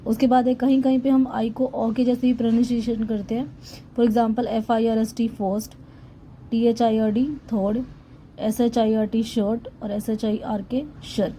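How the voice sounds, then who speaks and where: A woman's voice: fairly high pitch, level tone, normal speed, mellow, a little hiss or hum, rough recording. A woman teaching English pronunciation in a lesson voice-over, spelling words letter by letter and then sounding them out.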